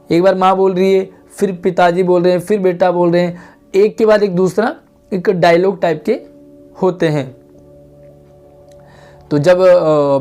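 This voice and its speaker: A man's voice: sits high, darkish tone. A man teaching a Hindi lesson to schoolchildren, patiently reading lines of a play aloud and then explaining them.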